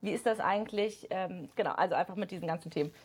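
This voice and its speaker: A woman who works as a study coach, a guest on a podcast, explaining in a fast, animated way full of fillers. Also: lowish voice, husky. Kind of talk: casual chat.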